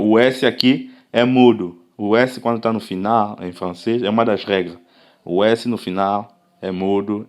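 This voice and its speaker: A man from Africa giving a casual language lesson, patiently repeating and drawing out example phrases and often checking that listeners are following. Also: lowish voice. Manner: patient, repetitive, checks understanding with "tá vendo?"; slowly drawn-out example phrases. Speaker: language teacher.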